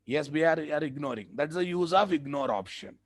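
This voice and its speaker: Indian guy w telugu accent teaching a software class, says stuff twice, keeps checking ppl get it, no room echo. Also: a little high, brisk. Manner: repeats phrases for emphasis, checks understanding with questions. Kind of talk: live tutorial lecture.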